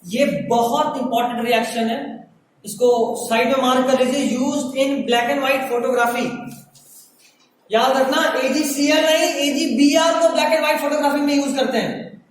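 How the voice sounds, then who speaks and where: A man's voice: very high voice, fairly even intonation, moderate pace, far from the mic. This is a man, teaching a chemistry class in a chatty, joking way and putting questions to his students. His voice rings around a very echoey classroom, picked up by a mic placed well away from him. A faint hiss of noise sits underneath.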